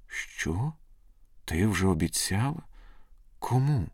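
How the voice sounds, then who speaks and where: A man's voice: deep voice, very animated, slow pace, slightly rough, dry recording, studio quality, exaggerated voice. A man voicing a heartbroken young suitor who asks anxious, imploring questions in a storybook reading.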